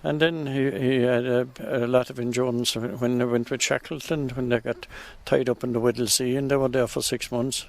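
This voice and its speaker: An Irish man from Kerry with a Kerry accent, talking in a halting way with many ums and restarts in a casual interview outdoors by a river. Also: medium pitch, flat delivery, creaky, darkish tone. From Tralee, County Kerry, Ireland. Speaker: local interviewee. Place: outdoors beside a river in a village.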